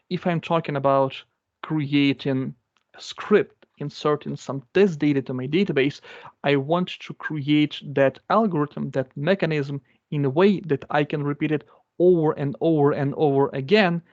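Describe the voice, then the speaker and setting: On a dull, dry, lo-fi computer microphone with no echo, a guest speaker presents a live coding database demo. His voice is on the high side and darkish, and he speaks English as a non-native. His delivery is loose and explanatory, full of fillers and repeated phrases.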